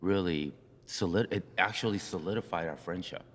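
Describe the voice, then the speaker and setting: Older man in his sixties, extremely low voice, slow reflective storytelling, reverberant room. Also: a bit bright. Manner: slow, reflective, many pauses and fillers. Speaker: church member sharing his story. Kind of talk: personal storytelling in a conversation.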